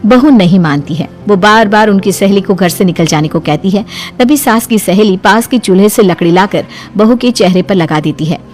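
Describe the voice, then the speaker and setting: A woman telling a cartoon moral story, her pitch swinging widely as she narrates. Faint music runs beneath her voice. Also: lively intonation, moderate pace, hardly any pauses, darkish tone.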